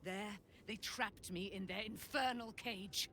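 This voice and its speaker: A woman's voice: mid-range voice, unhurried, pushed and bright, slight background noise. A woman playing an exalted, devout and vengeful warrior in a video game, declaiming grandly in archaic phrasing. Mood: bitter, grieving. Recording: music behind the voice.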